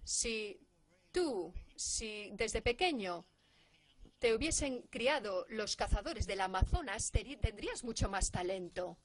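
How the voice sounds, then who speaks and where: A woman's voice: mid-range voice, expressive, takes it slowly. A woman interpreting a lecture, in an earnest, emphatic way with rhetorical questions.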